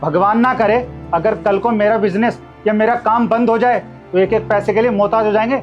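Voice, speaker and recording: A man's voice: high voice, steady tone, a little fast, dull audio, soft background music, lightly acted. A man playing a husband who lectures his wife about treating a guard with respect. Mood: stern. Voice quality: lecturing, moralising. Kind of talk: amateur short-film acting.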